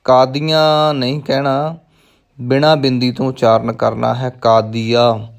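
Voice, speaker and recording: A man teaching the pronunciation of scripture, reciting lines in a slow, measured, chant-like way and then explaining them. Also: medium pitch, steady tone, gravelly.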